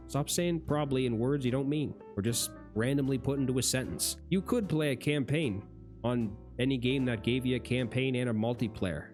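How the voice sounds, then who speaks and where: Man, hoarse voice, casual rambling vlog talk, mid-range pitch, faint guitar music behind. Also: darkish tone. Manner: rambling, corrects himself mid-sentence. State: hoarse, losing his voice. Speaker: gaming channel host.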